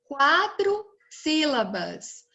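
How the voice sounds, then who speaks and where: Brazilian lady teacher, talks real slow, higher voice, drawing out words for little kids. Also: big pitch swings, pushed and bright, dull audio. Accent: Brazilian Portuguese. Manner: slow, stretched-out words and questions to the pupils. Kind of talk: recorded class lesson for children.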